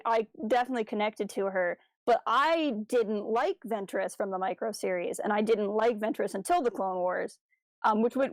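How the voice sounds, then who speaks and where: A podcast co-host chats casually about a fan audio drama, enthusiastic and analytical about the stories. Her voice sits on the high side, and the recording is dry and of poor quality.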